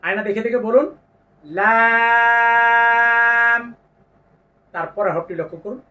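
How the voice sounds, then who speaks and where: A man teaching Quran pronunciation, patiently explaining each letter and drawing out the sounds slowly. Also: high voice, far from the mic. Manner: slow drawn-out demonstrations of letter sounds, patient instructions. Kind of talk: step-by-step pronunciation lesson.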